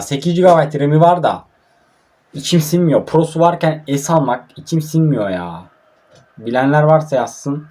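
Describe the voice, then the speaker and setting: A young man from Turkey talks over his own mobile football match in a casual, grumbling stream of commentary. He swears often and sounds openly frustrated, and his voice sits a little higher than most men's. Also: darkish tone.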